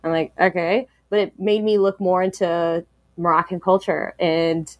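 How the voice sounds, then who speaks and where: Reflective woman with a low, dry voice. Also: steady tone, normal speed, dry recording. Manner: reflective, frequent fillers and restarts. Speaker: interview guest. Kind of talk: candid personal interview.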